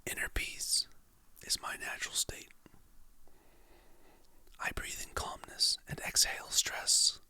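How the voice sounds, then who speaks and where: An adult ASMR creator whispering softly and slowly, reading calming quotes in an encouraging way. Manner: soft, relaxed, slow-paced, encouraging.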